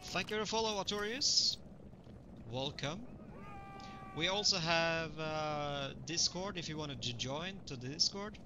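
A man's voice: a little high, unhurried, noisy background. A man streaming a strategy game, chatting casually with viewers as he plays. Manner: relaxed, chatty, greets viewers. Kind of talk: live gaming commentary.

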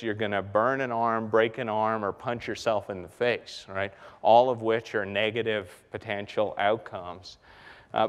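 Middle-aged male keynote speaker, animated stage delivery, slightly low voice, long hall reverb. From the Bahamas. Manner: animated, gestures and paces the stage. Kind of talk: keynote talk. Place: large conference hall stage.

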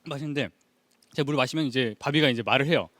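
A man's voice: mid-range voice, fairly bright tone, no room sound. A young man chatting and teasing his friends while doing an impression. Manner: teasing, quick. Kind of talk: casual chat with impressions.

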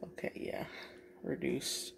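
A woman showing off her grocery haul in a casual vlog from her kitchen, unhurried and pausing often with "um". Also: in a whisper. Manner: unhurried, with frequent pauses and "um" fillers. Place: home kitchen, indoors. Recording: packaging noise over the voice. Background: crinkling plastic packaging.

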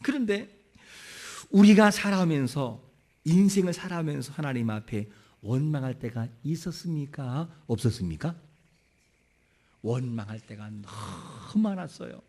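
A man preaching a sermon in an animated way, putting rhetorical questions to his congregation. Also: medium pitch, measured pace. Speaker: pastor.

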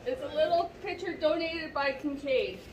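A woman with a high voice jokes as she announces a raffle draw. She is picked up from across an echoey room, and a loud crowd talks over much of the gallery. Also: moderate pace. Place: indoor gallery in a mall. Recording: roomy, distant, crowd noise. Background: loud crowd chatter.

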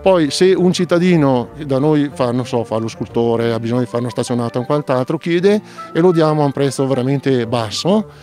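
A middle-aged man with a Trentino Italian accent explaining things in a measured way during an outdoor interview by a lake, speaking into a handheld mic. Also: medium pitch, warm tone, soft background music. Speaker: local commons committee representative. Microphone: handheld mic close up.

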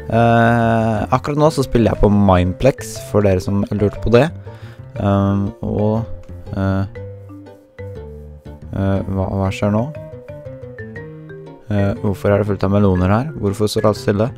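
A man's voice: lowish voice, fairly even intonation, long pauses, warm tone. Chatty young man narrating his gameplay. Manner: chatty, self-mocking, mixes in English slang. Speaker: gaming YouTuber. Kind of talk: casual gameplay commentary. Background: faint game music.

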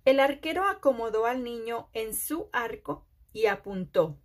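A woman reading a children's picture book aloud, phrase by phrase with deliberate pauses. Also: fairly high pitch, animated. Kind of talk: slow read-aloud storytelling for children.

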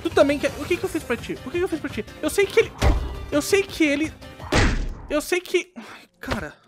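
High, lively, excitable gamer woman. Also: fairly quick, over music. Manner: excitable and playful, talks to game characters. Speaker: gaming YouTuber. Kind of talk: casual gameplay commentary.

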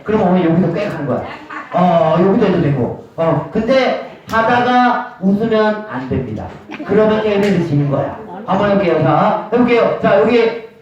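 A high-pitched man runs a recreation game for seniors, snapping out brisk, repeated cues. He is picked up from far across the room, so his voice rings through heavy echo and sounds dull and muffled. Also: a little mellow. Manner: brisk, repetitive coaching, calling out cues. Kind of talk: leading a group game for seniors.

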